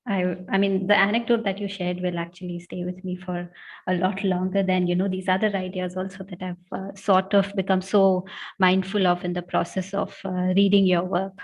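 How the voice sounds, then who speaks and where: A woman interviewing a guest in an academic conversation, speaking in a measured way with many fillers. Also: on the low side, flat delivery.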